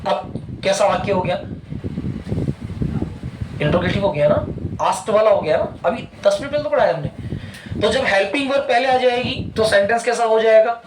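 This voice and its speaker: Male English teacher, high voice, drills students with questions; noisy classroom. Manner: quizzing students with repeated questions, drawn-out English phrases. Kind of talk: classroom language lesson. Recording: echoey room with loud background noise.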